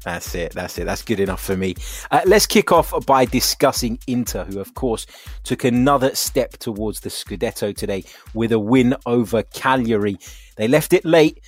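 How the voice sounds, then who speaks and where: A man hosts a football podcast with an animated, chatty delivery. His voice is recorded dry on a close mic. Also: mid-range voice, moderate pace, no room sound. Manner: animated, conversational, asking questions. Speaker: podcast host.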